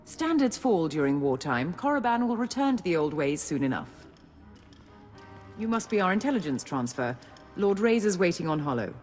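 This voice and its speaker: A woman's voice: fairly low pitch, big pitch swings, moderate pace, a little mellow, faint music behind. A woman playing a stern, businesslike Imperial military officer in a video game, briefing with authority. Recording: long hall reverb.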